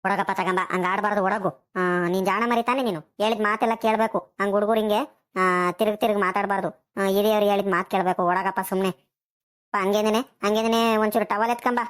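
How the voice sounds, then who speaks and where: A woman's voice: mid-range voice, fairly even intonation, brisk, close to an everyday voice. A woman voicing a fussy, worried old village grandmother. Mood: fussing. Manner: coaxing, worried.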